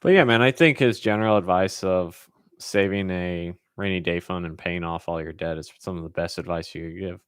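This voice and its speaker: This American host from California talks loosely through viewer questions in a relaxed Q&A, wandering as he thinks out loud. He speaks in a low, brisk voice with a clean tone, captured at studio quality with no room sound.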